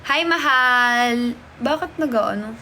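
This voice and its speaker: A woman's voice: a little high, slow, pushed and bright, a little hiss or hum. A woman hosting a casual live stream from a hotel, chatting and greeting viewers as she reads their comments. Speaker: livestream host. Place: hotel room.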